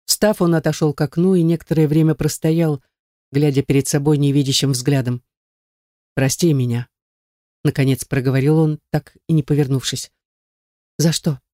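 A male audiobook narrator reading a first-person story in a measured, even way. His voice sits a little high and sounds warm and mellow. The recording is dry and close, with no room echo.

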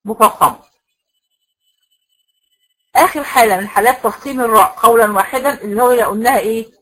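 A woman with an Egyptian accent teaches a recitation class in a slightly high voice. She lays out each rule in careful steps, throwing questions to her women students and answering them herself. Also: fairly quick, bright, forceful tone, poor audio. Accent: Egyptian Arabic. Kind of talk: classroom lecture.

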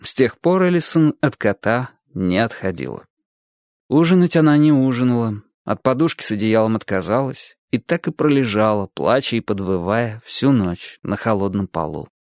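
A man narrating an audiobook in an expressive storytelling manner, giving each character a voice of their own. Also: on the low side, normal speed, no echo, studio quality.

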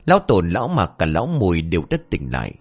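Animated low-voiced male storyteller. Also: fast, soft background music. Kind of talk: comic folk-tale narration.

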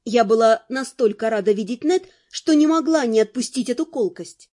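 A woman narrating a romantic fantasy audiobook in the first person, with lively storytelling. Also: fairly high pitch, normal speed.

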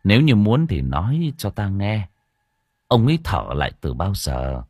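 A man's voice: on the low side, sing-song, moderate pace, a little mellow, dry recording, studio quality. A man voicing an old Buddhist monk who gives grave, urgent warnings about a demon.

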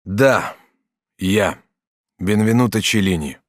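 A man reading an audiobook, voicing a noble, grieving older master artist who speaks in halting, broken phrases. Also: on the low side, dry recording, clean studio sound. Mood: grave. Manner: halting, broken, restrained sorrow.

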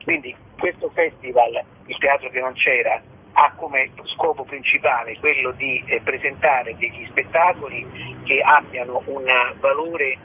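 Speaking as a radio guest, the artistic director of a theatre festival answers interview questions haltingly, hunting for the right words. His voice is medium-pitched, heard over a narrow phone line with background noise.

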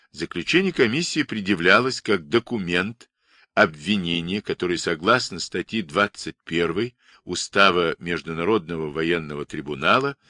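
Man reading history with a lively, bright voice. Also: deep voice, no room sound, studio quality. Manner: formal, measured reading. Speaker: audiobook narrator. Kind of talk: scripted nonfiction narration.

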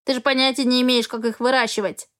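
A woman's voice: sits high, little pitch movement, fast talker, fairly bright tone. A woman voicing a senile, grumpy old male raven in a storybook reading, indignant and scolding. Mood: grumbling.

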